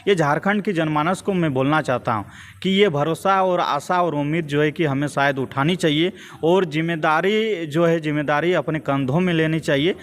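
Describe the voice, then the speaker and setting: A young adult man with a Jharkhand Hindi accent, his voice on the high side, answers interview questions as a political activist. He speaks in a measured, hesitant way and repeats phrases.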